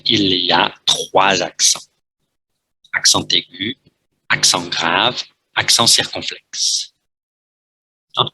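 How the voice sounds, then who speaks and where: A man with a Vietnamese accent teaching a French lesson, speaking slowly and repeating letters and words as he explains. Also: on the low side, creaky, sharp tone, slightly rough, no room sound, low-quality recording. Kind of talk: language lesson, explaining at a board.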